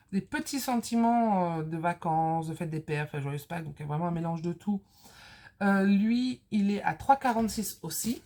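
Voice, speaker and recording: A woman talking casually to camera as she shows and prices craft supplies, with lots of fillers and pauses. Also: medium pitch, a little mellow. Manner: chatty, many fillers, counts items aloud. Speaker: scrapbooking vlogger. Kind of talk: casual haul video talk.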